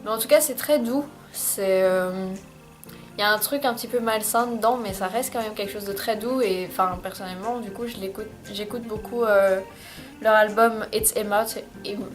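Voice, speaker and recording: A woman's voice: mid-range voice, moderate pace, faint music behind. A young woman, chatting casually in a recommendations vlog, hesitant, with many fillers and restarts. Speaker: vlogger. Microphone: camcorder microphone.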